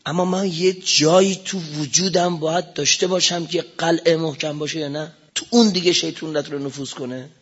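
A male cleric preaching a sermon with passion, swinging between loud exclamations and soft murmured asides. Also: a little high, fairly even intonation, few pauses, breathy edge. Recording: dull lo-fi recording.

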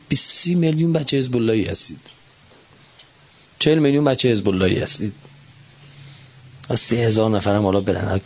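Husky middle-aged man preaching, lo-fi. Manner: animated, swings between loud emphatic lines and low soft asides. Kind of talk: religious talk to an audience. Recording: dull lo-fi recording.

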